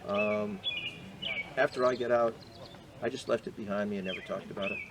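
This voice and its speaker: A man's voice: fairly low pitch, steady tone, background noise. Older man telling a story outdoors. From Boston area, USA. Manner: measured and earnest, with frequent hesitations. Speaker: veteran interviewee. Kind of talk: reflective personal storytelling.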